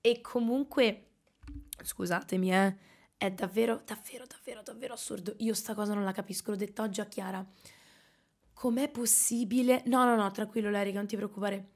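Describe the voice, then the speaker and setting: A Milanese woman chatting casually on a live stream, animated and slightly hoarse, with quick asides to her chat. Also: mid-range voice. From Italy. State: slightly hoarse after concerts.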